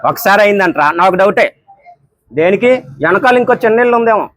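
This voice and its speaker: Lively, fast-talking teasing man. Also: high voice. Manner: teasing, jokey, exclaims loudly. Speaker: vlogger. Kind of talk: playful street banter. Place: tea stall.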